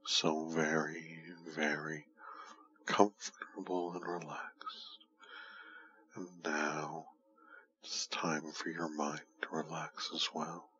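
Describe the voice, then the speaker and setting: A man guides a hypnotic relaxation in a slow, soothing, breathy murmur that often slips into a whisper, intimate as if right in the listener's ear. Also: very deep voice, little pitch movement, bright, forceful tone, dull audio. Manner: slow, soothing, repetitive, lulling. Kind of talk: hushed guided hypnosis, ASMR-like induction.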